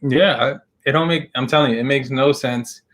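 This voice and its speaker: A man's voice: medium pitch, moderate pace, a bit bright. A man co-hosting a live basketball stream, giving emphatic, opinionated takes in casual slang. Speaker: co-host of a live sports show. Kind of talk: casual sports chat.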